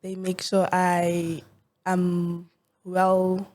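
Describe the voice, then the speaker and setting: Flat-voiced young South African woman. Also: lowish voice, extremely slow. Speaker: football player guest. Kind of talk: interview answers.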